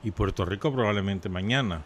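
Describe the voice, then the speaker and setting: A man's voice: lowish voice, fairly quick, slight background noise. A man with a Nicaraguan Spanish accent, co-hosting a radio show in unscripted current-affairs chat.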